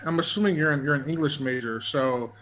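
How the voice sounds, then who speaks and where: A man's voice: medium pitch, fairly quick, crowd noise. A man hosting an interview, asking long, rambling questions full of "I mean". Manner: probing, rambling questions with many fillers. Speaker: podcast host. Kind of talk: casual interview.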